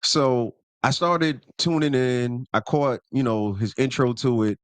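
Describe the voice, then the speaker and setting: Relaxed podcast guy, slangy, lots of ums, dry close mic. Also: medium pitch, measured pace, clear, resonant tone, no room sound. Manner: laid-back, loose slang, many fillers and self-corrections. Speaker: podcast co-host. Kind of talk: casual chat.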